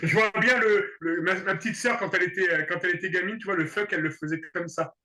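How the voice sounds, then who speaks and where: Male math tutor, high and bright, playful and teasing, echoey room. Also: quick pace. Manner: joking, teasing, laughs often. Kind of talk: online tutoring session.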